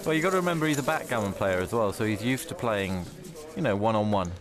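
A man giving calm, analytical commentary on live poker. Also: lowish voice, fast. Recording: crowd noise in the venue. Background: crowd noise.

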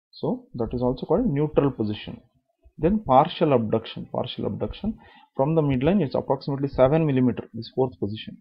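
Man, medical lecture, husky tone, dull lo-fi sound. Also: medium pitch. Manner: explanatory, repeats key terms, asks and answers own questions.

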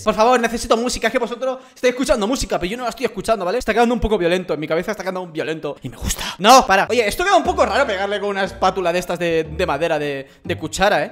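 A gaming YouTuber with a Spain Spanish accent gives comedic let's-play commentary, jumping between loud shouts and low muttering. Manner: animated, jokey, swings between shouts and mutters.

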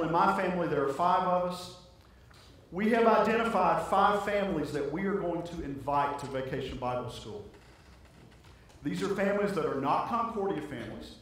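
A male pastor delivering a sermon in an earnest, conversational way, repeating words for emphasis. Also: high voice. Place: church sanctuary. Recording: very echoey church, heard from a distance.

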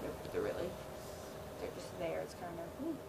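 A teenage girl sits in her small bedroom vlogging, answering questions in a casual, laid-back chat with plenty of fillers and frequent trailing off. Her creaky voice swoops wildly in pitch at a normal speed. The built-in webcam mic gives quiet, low-volume audio with loud hiss.

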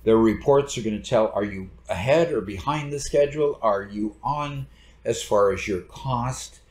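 Middle-aged man lecturing in a roomy study. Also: mid-range voice. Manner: relaxed explanatory, gestures with hands. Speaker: instructor. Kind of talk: recorded lecture over slides. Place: home study with bookshelves, indoors. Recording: roomy echo.

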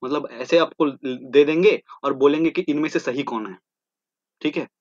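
Male tutor, exam-prep lecture, asks and answers himself, slightly high-pitched, dull lo-fi recording. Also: moderate pace, darkish tone, no echo. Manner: repetitive, drilling terms, asking and answering his own questions. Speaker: teacher. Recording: dull lo-fi sound.

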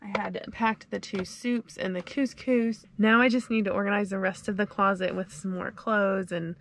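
A vlogger in her thirties chats upbeat to camera while packing inside a small camper van, in casual vlog narration. Her medium-pitched voice has fairly even intonation at normal speed, against a noisy background.

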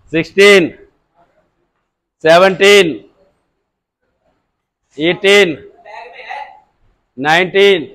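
A man working as a gym trainer, counting squat reps with short urging shouts, his throat dry from counting. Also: high voice, rough recording. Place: indoor gym.

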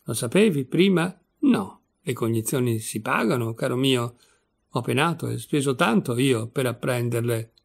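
A placid old lawyer, put on by a male reader in an audiobook, lecturing with smug calm. The voice is gravelly and sits at a middle pitch. He stays unhurried and pompous. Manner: calm lecturing tone, calls others "my son".

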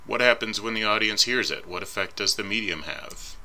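A man lectures over slides in a casual, conversational way, pausing on fillers and fixing his own slips. His voice sits very low but has a crisp, forceful brightness. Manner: informal, thinking aloud with fillers and self-corrections. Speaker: instructor.

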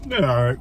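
A man's voice: fairly high pitch, a little hiss or hum. A man reviewing food in a casual, chatty way, licking his fingers while he talks. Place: parked car.

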